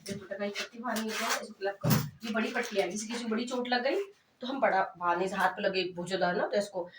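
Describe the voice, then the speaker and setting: A young woman health worker, speaking quickly in a mid-range voice, shows young children first aid supplies, quizzing them and explaining terms while mixing in English words. She's captured from a far camera in an echoey room, her voice distant amid noise.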